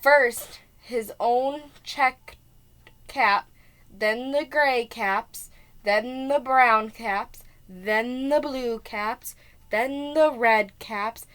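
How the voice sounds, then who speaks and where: This woman, a preschool teacher, voices a children's storybook with asides mixed in. She sounds expressive and unhurried in a deliberate way, stressing important words, and her pitch runs on the high side.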